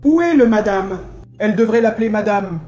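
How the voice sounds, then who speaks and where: A man's voice: high-pitched, expressive, brisk, highs cut off. An actor playing a grumpy, bossy old father who lectures everyone and never stops complaining. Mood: lecturing. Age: older. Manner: overbearing, lecturing, loud complaints. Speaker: visiting father.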